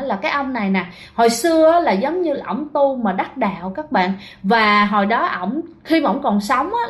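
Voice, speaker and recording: A woman telling a ghost story in a chatty way, often speaking straight to her listeners. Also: fairly high pitch. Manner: chatty, addresses listeners directly. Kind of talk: casual ghost story narration.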